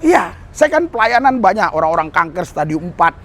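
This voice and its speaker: High-voiced man preaching with fervor. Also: sing-song, fairly quick, fairly bright tone. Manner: exhorting, calls for amen and hallelujah, addresses the crowd as "saudara". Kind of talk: sermon. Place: outdoor service under a bridge.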